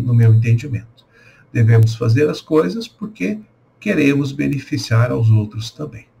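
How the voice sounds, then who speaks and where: A Brazilian pastor in his sixties giving a calm, reflective home devotional with a prayer. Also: mid-range voice, gravelly, husky. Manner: calm, unhurried, reflective with pauses. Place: small room at home, indoors. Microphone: webcam at desk.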